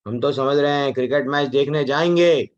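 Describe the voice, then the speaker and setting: A man's voice: mid-range voice, fairly quick. Man giving a casual Gita class. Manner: conversational, mixing English words, acting out quoted voices. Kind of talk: devotional Gita class talk. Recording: dull lo-fi recording.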